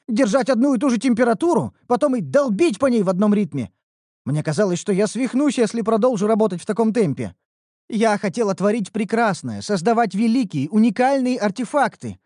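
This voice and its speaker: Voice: mid-range voice, darkish tone, no echo, clean studio sound, voice pushed up, close to an everyday voice. A narrator voicing a whiny young female red elf apprentice who complains and pleads dramatically in an audiobook. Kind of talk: audiobook character voice.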